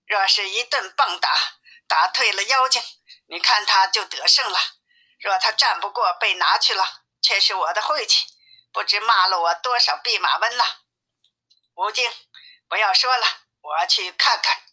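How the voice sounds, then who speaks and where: A woman's voice: mid-range voice, normal speed, sharp tone. Sun Wukong, a woman reading as a cocky monkey king. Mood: teasing. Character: clever boastful male monkey king. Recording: tinny phone-like sound.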